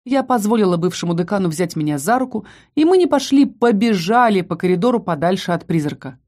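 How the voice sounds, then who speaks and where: A woman reading a first-person fantasy novel aloud in an expressive, dramatic way. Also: medium pitch, a little fast. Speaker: audiobook narrator.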